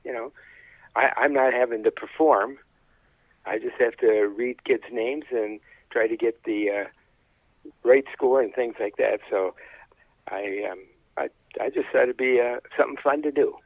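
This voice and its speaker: Here a high school sports announcer, an older man, answers interview questions in a hesitant, folksy, plain-spoken way. His mid-range voice moves at a measured pace, and the slightly dull recording has no room sound.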